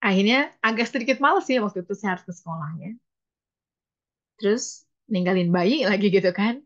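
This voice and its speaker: A woman's voice: medium pitch, brisk. A middle-aged woman sharing a personal faith testimony in a casual storytelling way, acting out conversations as she retells them. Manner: lively retelling, acts out dialogue with quotes. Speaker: speaker at a women's Bible-reading community. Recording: dull lo-fi recording.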